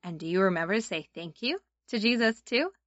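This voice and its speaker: A dry, slightly dull recording of a woman with a middle-pitched voice. She talks like a Sunday school teacher, telling a children's Bible story and leading young listeners in short, simple phrases. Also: animated, brisk, a bit bright, no room sound. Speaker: children's Bible lesson host.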